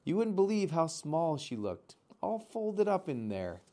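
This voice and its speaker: A man's voice: fairly high pitch, sing-song, unhurried, mellow, pitched above the performer's own voice. A man voicing a friendly, chatty female otter.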